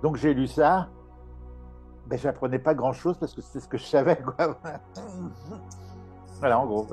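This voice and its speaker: A man's voice: mid-range voice, measured pace, a little mellow, faint music behind. A middle-aged man, a medium, telling stories from his life in a casual interview, laughing often and restarting his sentences. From Paris. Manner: chatty storyteller, laughs often, many restarts. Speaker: medium and author, interview guest.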